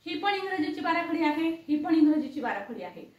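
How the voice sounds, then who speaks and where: A woman teaching English letter sounds, spelling out letters and repeating each sound slowly, often checking with "right?". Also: very high voice, big pitch swings, lo-fi sound. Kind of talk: classroom-style explainer lesson. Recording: echoey room, voice from a distance.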